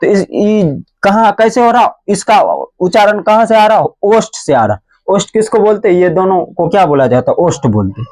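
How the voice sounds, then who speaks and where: A young man teaching a grammar lesson, asking questions and answering them himself, pronouncing each letter slowly and with emphasis. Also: sits high, expressive, darkish tone. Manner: drawn-out, emphatic pronunciation of letters.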